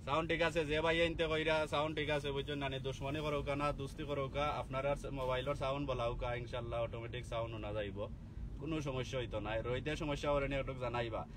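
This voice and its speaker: A man's voice: medium pitch, fairly even intonation, fast talker. A man from Bangladesh with a Sylheti accent, chatting casually and teasingly on a live stream from a car. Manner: chatty, teasing, peppered with inshallah. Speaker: vlogger livestreaming from a car. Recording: faint background noise.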